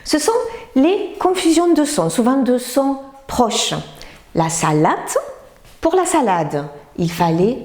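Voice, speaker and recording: A woman teacher narrating a scripted lesson, speaking clearly and deliberately and breaking words into separate sounds. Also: sits high, very animated, darkish tone, roomy sound. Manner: clear, deliberate, syllable-by-syllable demonstrations.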